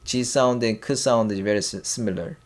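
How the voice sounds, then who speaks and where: A man with a lowish voice gives a language lesson, pronouncing syllables one at a time. His speech is halting, with frequent fillers and false starts.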